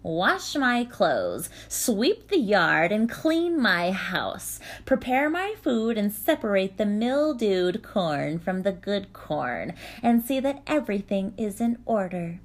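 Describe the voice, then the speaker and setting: A woman voicing a commanding, sarcastic old witch who speaks slowly and emphatically. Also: mid-range voice, big pitch swings, full character voice. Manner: slow, emphatic, nasal sarcastic drawl.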